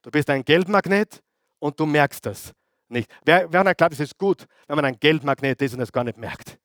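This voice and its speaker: A man preaching a sermon, animated, acting out voices of biblical figures. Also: fairly high pitch, moderate pace, no echo, clean studio sound.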